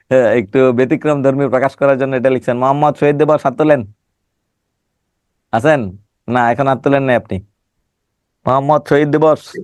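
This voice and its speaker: A man's voice: medium pitch, a little mellow, dry recording. A middle-aged man teaching an online class over a video call, teasing and scolding students by name while he has a cold.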